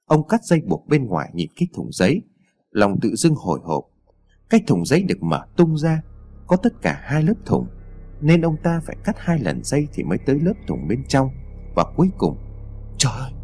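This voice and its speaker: A man narrating an audio story in a dramatic, expressive reading. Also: medium pitch, normal speed, soft background music.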